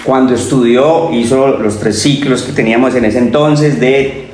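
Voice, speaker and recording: A man with a Colombian accent from Pereira hosts a relaxed podcast interview, asking questions and affirming answers with short interjections. His voice is mid-pitched and sits in a reverberant room. A faint hum runs behind him. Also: moderate pace. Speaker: university dean and podcast host. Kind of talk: conversational interview. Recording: echoey room with faint ambience.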